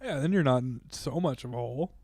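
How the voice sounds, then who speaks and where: A man's voice: medium pitch, quick pace, darkish tone, slight background noise. A man co-hosting a casual sports stream, laid-back and agreeable, with some swearing. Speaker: stream co-host. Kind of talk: casual watch-along chat.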